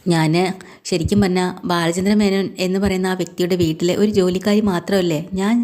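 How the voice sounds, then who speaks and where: A woman's voice: on the low side, steady tone, brisk, mellow, close to an everyday voice. Woman voicing an earnest young maid. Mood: earnest, pleading. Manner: earnest and pleading.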